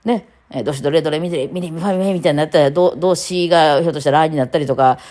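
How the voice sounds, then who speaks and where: A woman in her thirties with a Kansai accent hosts a solo talk show. Her voice sits low, and her speech runs quick and loose, with constant fillers and restarts. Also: warm tone. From Japan. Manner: chatty, rambling, many fillers and self-corrections. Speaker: podcast host, violinist. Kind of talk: casual solo talk, reading a listener message.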